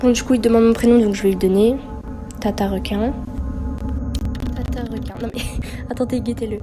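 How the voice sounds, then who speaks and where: A woman's voice: a little high, steady tone, fast talker, warm tone, faint music behind. A young woman doing casual horror game streamer commentary, reading dialogue aloud and reacting in slangy speech.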